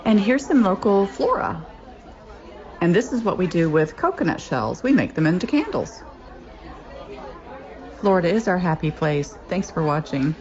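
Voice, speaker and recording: A woman's voice: lowish voice, sing-song, normal speed, long pauses, a little mellow. A woman field reporter touring an outdoor market and chatting casually with vendors. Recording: muffled outdoor market audio, crowd noise. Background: crowd chatter and street noise.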